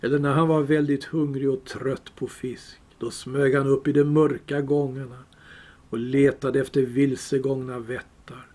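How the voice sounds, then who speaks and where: A man reading a fantasy novel aloud in a calm, measured storytelling voice. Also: medium pitch. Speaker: reader. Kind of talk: audiobook reading.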